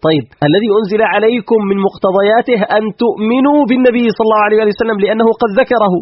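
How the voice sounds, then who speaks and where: Rapid high-voiced man lecturing emphatically. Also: slightly rough, no echo, highs cut off. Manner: emphatic, fires rhetorical questions. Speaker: guest scholar explaining Quran verses. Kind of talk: explanatory religious lecture.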